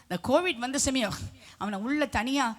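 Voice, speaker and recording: A middle-aged woman preaching a testimony sermon with fervor, swelling into loud emphatic declarations and sometimes singing hymn lines. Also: high-pitched, expressive, moderate pace. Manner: breaks into sung hymn lines.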